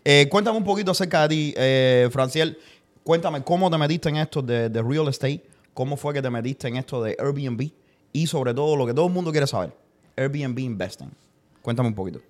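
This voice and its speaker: A man's voice: medium pitch, moderate pace. A man, hosting a podcast interview in a joking, playful way with English words mixed in. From Cuba. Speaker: podcast host.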